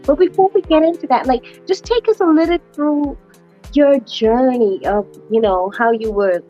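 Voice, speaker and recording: A woman's voice: sits high, normal speed, highs cut off, soft background music. A woman hosting a casual interview, encouraging and chatty, often saying "you know". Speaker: host.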